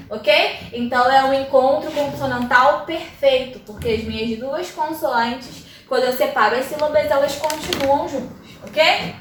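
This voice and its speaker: A woman's voice: sits high, a bit bright, a little hiss or hum. Brazilian woman, teacher, patient step-by-step explaining; recorded from a distance in a very echoey room. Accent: Brazilian Portuguese. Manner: explanatory, checks in with tags like "tá?" and "ok?". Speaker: Portuguese teacher. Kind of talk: classroom lesson. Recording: very echoey room, mic far off.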